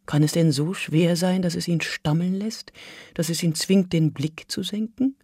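Dramatic story reader on radio, slow and measured, dry close studio sound. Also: medium pitch, fairly even intonation, breathy edge, no room sound. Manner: measured, dramatic, drops to hushed whispers. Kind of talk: scripted literary reading.

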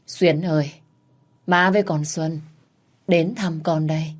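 A woman playing a cautious older mother from an audio story, low-voiced and firm as she urges her daughter on. Her tone is plain and steady. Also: slow pace. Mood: stern. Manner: firm, urging.

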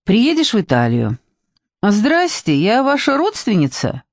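A reader voices a blunt, breezy woman friend in an audiobook, brisk and teasing. The voice sits at a middle pitch. It is recorded dry and close. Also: huge pitch swings, dry recording, full character voice. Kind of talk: audiobook reading.

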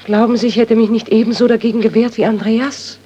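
An actress playing a grieving widow tormented by guilt, earnest and sorrowful, in 1930s radio-drama acting. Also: female voice, fairly high pitch, steady tone, fast talker, mellow, breathy edge. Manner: earnest, sorrowful, turns to anguished pleading. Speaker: doctor's friend's widow.

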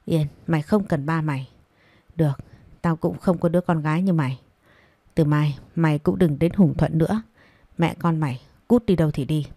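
A domineering older father barks cold, harsh words, as a woman narrator puts him on. The voice is low and warm-toned, recorded close and dry. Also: moderate pace, no echo. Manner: harsh, shouting.

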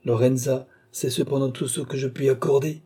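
Read by the narrator himself, this mysterious man holds his captive through quiet, mournful insistence. The voice is mid-range and natural at normal speed, deeply dark and mellow but husky at the edges. Though the storybook style is soft, he never relents.

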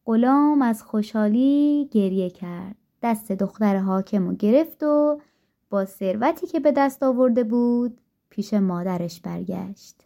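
A woman narrating a folk tale in a calm, gentle storytelling manner. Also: fairly high pitch, gravelly. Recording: dull lo-fi recording.

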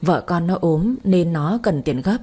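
A woman's voice: fairly low pitch, a little slow, slightly rough. A woman doing a sweet-talking lazy husband. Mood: wheedling. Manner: coaxing, flattering. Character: middle-aged man, smooth-talking lazy son-in-law.

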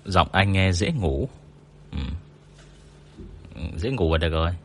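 A man with a deep, low voice talks casually to his livestream audience. He reads viewer comments aloud and jokes about himself. A faint hum sits under the recording. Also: lively intonation, unhurried, a bit bright. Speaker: livestream story narrator.

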